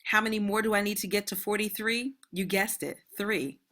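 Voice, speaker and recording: A woman's voice: mid-range voice, steady tone, moderate pace, pushed and bright. A woman math teacher giving an online lesson in a casual, chatty way, talking straight to her students.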